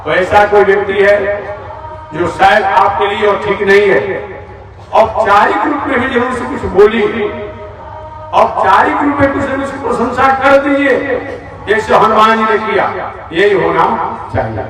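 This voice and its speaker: High-voiced preacher in an echoey hall. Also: male voice, crowd noise. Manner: chants Sanskrit verses slowly, then explains them. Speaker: religious preacher. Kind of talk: devotional sermon. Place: large outdoor religious gathering. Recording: echoey public-address sound from far off.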